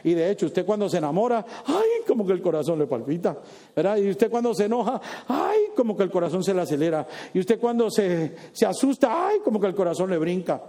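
High-voiced animated male preacher. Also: fast. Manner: animated, playful asides to the congregation. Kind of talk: sermon.

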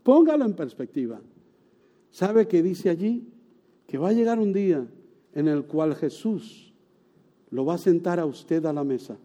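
A man preaching a sermon, telling a story with animated, sometimes loud exclamations and soft, hushed moments. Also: fairly high pitch, measured pace, long pauses. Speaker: pastor.

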